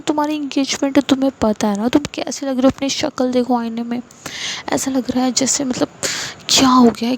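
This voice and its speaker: A woman's voice: mid-range voice, a little mellow, slight background noise, close to an everyday voice. A woman voicing a strict, angry middle-aged mother who scolds and lectures her daughter.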